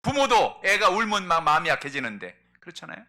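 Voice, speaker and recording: A man preaching a sermon as pastor, asking rhetorical questions and swinging between hushed and loud passages. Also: on the high side, sing-song, fast talker.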